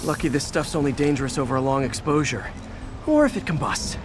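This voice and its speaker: A man's voice: on the high side, lively intonation, fairly quick, noisy background, natural voice. An actor playing a quippy young male superhero who thinks aloud in a video game, with an American accent and a chatty, earnest, wry manner. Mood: wry, focused. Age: young adult. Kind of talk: video game voice acting, self-narrating.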